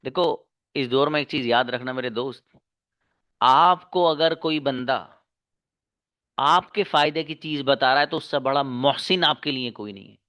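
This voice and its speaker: On an online class mic, an English teacher with a sharp voice on the high side gives his students an earnest, coaxing motivational talk. He calls them brother and daughter.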